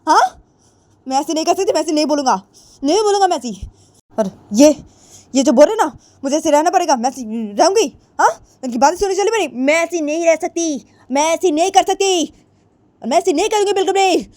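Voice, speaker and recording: A woman voicing a young woman who refuses her parents in anger, insistent and loud. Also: extremely high pitch, lively intonation, brisk, no room sound, voice pushed up. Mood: angry defiance. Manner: defiant, insistent. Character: young woman, angry and defiant.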